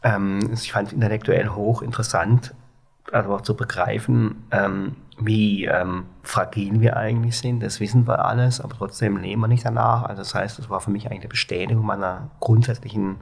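Man, Baden accent, gravelly voice, flat tone, halting speech. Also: lowish voice. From Baden-Baden, Germany. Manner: hesitant, many fillers and restarts. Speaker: guest, exhibition founder. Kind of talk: reflective interview talk.

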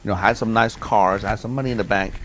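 A man's voice: lowish voice, steady tone, very fast, a bit bright, slight background noise. A middle-aged man in an interview, telling a personal story in a rambling way with many fillers and repeats. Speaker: interview guest.

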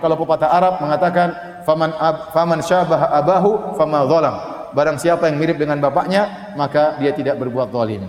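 A man delivers a storytelling sermon in a lively, theatrical way, stretching out Arabic verses slowly. His voice sits somewhat high for a man. The recording carries a long, echoing hall reverb. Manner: lively, dramatizes quoted voices with rising pitch, chants Arabic slowly. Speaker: Islamic preacher.

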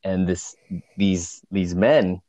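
Low-voiced man telling a story haltingly. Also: mellow, dry recording. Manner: halting, frequent restarts and chuckles. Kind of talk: casual spoken storytelling. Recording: dull lo-fi dry recording.

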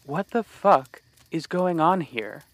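A man voicing a fierce young woman, raising his voice in a strained, shouting way. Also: a little high, lively intonation, slow pace, no room sound, pitched above the performer's own voice. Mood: furious.

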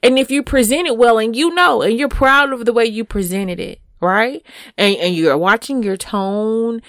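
A woman's voice: fairly high pitch, normal speed, fairly bright tone, no echo, studio quality. A woman in her thirties chatting casually as a podcast co-host, speaking frankly and with emphasis, often checking in with "right?". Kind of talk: casual chat.

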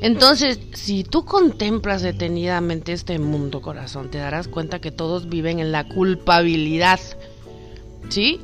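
A woman from Cuba giving a spiritual motivational talk, affectionate and coaxing, often dropping to a hush and calling the listener sweetheart. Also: fairly low pitch, expressive, unhurried, soft background music. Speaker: spiritual guide.

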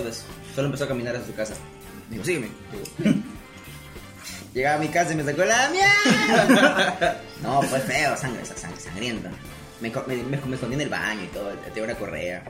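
A man's voice: medium pitch, sing-song, fairly quick, roomy sound, over music. A young man, chatting casually and telling stories with lots of laughter. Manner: laughing, storytelling, slangy. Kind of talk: casual chat.

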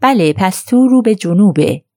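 A reserved young gentlewoman answers in a cool, clipped voice that gives nothing away, as a woman reading the story puts her on. The tone is low and dark, and the recording is dry and close. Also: big pitch swings, no room sound. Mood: cold. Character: cold, guarded young gentlewoman.

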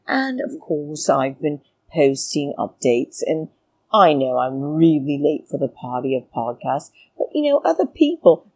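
Husky, theatrical British femme fatale woman. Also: sits low, dark tone. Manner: cheeky, crude teasing. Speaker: podcast host. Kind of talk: chatty comedic podcast monologue.

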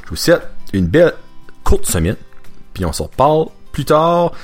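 A man's voice: on the high side, very animated, normal speed, soft background music. A man hosting a casual radio show, chatting and slipping English words and slang in as he introduces songs.

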